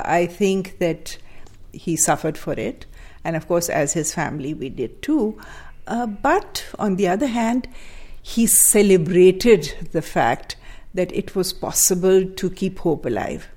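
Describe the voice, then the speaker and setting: An older woman from Pakistan, a guest speaking thoughtfully in conversation, with fillers and soft laughs. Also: on the low side, expressive, unhurried. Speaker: guest, daughter of a poet. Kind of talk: reflective conversation.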